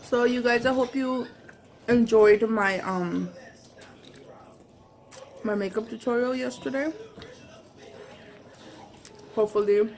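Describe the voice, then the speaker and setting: A woman's voice: on the high side, slow pace, pauses often, darkish tone, slight background noise. A woman vlogger talking casually to her viewers while eating. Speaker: vlogger and mother.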